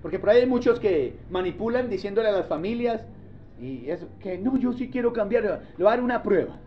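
A man preaching a sermon as pastor, swinging from quiet low asides to loud pleading outbursts and acting out the voices of people he describes. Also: animated, a little fast, a little hiss or hum. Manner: acts out the doubter's and the seeker's voices himself. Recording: dull lo-fi recording.

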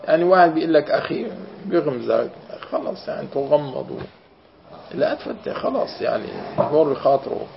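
Gravelly Levantine sheikh teaching. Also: male voice, a little high, sing-song, fairly quick, slight background noise. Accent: Levantine Arabic. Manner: chatty, digressive, everyday anecdotes. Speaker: sheikh teaching Quran commentary. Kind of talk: informal lesson explanation. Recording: dull lo-fi lecture recording.

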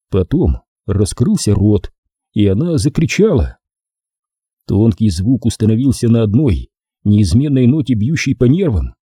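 A man reading a crime novel aloud as the narrator, in an expressive, measured storytelling manner. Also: fairly low pitch, slightly rough, no room sound, clean studio sound. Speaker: audiobook narrator. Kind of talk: dramatic audiobook narration.

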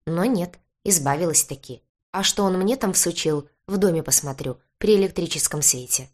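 A woman reading a first-person fantasy story aloud in a wry, lively storytelling manner. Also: fairly low pitch, moderate pace. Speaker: audiobook narrator. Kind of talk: first-person fiction narration.

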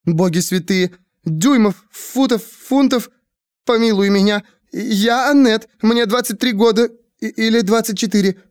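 A man's voice: high voice, a little mellow, no room sound, clean studio sound, voice pushed up, lightly acted. A man voicing an anxious, rambling young woman in her twenties who frets and wails. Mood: wailing. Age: 20s. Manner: frantic, fast, wailing.

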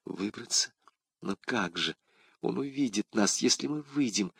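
A man voicing an anxious, devoted young woman who speaks in hushed, worried tones in an audiobook reading. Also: mid-range voice, lively intonation, measured pace, gravelly, breathy edge, no echo, studio quality, full character voice. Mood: hushed fearful.

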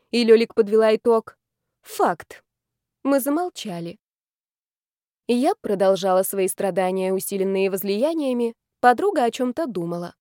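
A woman reading an audiobook in an expressive first-person narration. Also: medium pitch, no echo, studio quality. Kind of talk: scripted narration.

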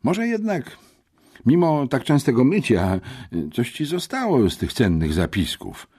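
A man's voice: medium pitch, very animated, a little slow, a little mellow, breathy edge, pitched above the performer's own voice. A man voicing a clever teenage boy detective in an audiobook, coaxing and puzzling things out. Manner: coaxing, then thoughtful. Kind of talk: audiobook character voice.

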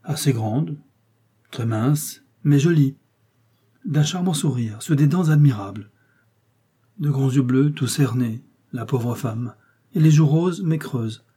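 A man's voice: medium pitch, slow, pauses often, dark tone, husky. A man reading a naive, chattering loyal fellow. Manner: eager, chattering, easily alarmed. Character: naive, talkative, loyal working-class man. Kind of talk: audiobook character reading.

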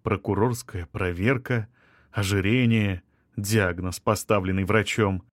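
A man giving a steady, measured audiobook narration. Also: on the low side, dry recording. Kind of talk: scripted narration.

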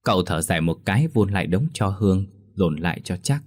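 A man narrating a ghost story slowly and steadily. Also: deep voice, expressive, darkish tone.

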